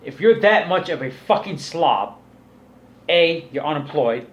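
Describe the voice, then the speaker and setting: A man's voice: on the high side, expressive, measured pace, muffled recording. Crude, scornful man rambling in a vlog. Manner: crude, profanity-laden, scornful. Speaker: YouTube vlogger. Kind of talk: casual rambling commentary rant.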